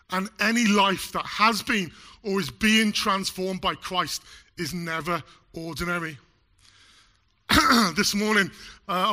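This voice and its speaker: In a church hall, a man preaches a sermon while still getting over a chest cold, chatty and jokey and loose with fillers. His voice sits high with a sharp tone.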